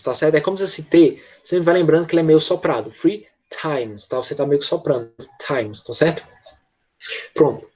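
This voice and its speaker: A man with a Brazilian accent teaching an English class online, patiently walking pupils through repetition and often checking in with quick tag questions. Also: on the high side, dark tone, muffled recording.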